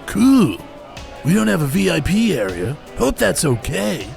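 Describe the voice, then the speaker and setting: A man's voice: high-pitched, huge pitch swings, a little slow, creaky, darkish tone, faint music behind, exaggerated voice. A man voicing a laid-back nightclub greeter who talks in a casual, slangy, unbothered way.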